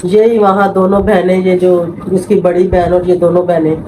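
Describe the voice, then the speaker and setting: A woman's voice: fairly low pitch, steady tone, normal speed, background noise. A middle-aged woman with a Pakistani accent, telling a family story in an interview, emphatic and repeating herself. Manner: emphatic, repeats herself, acts out quoted voices.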